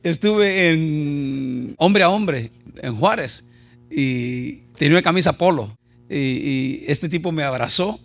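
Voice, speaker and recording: A middle-aged man preaching an animated sermon full of jokes and anecdotes. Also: a little high, slow pace, gravelly, soft background music. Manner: animated, jokey, shouts and laughs at times.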